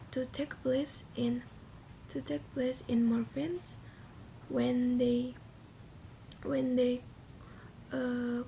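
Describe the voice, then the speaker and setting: A young woman giving a class presentation in a soft, often half-whispered voice, hesitant with many pauses and restarts. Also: sits high, gravelly, slight background noise, low-quality recording. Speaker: student presenter.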